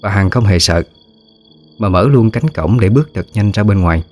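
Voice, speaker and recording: Deep-voiced man narrating. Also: normal speed. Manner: steady storytelling. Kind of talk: scripted ghost story narration.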